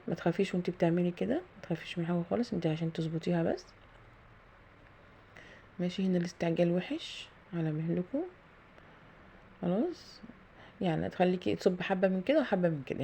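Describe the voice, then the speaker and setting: A woman's voice: fairly low pitch, animated, fast, gravelly, long pauses, mellow, a little hiss or hum. A woman with an Egyptian Arabic accent who talks through a home cooking tutorial in a chatty way, thinking aloud with many fillers and pious phrases, in her kitchen. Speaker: home cooking video host. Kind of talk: casual cooking tutorial narration.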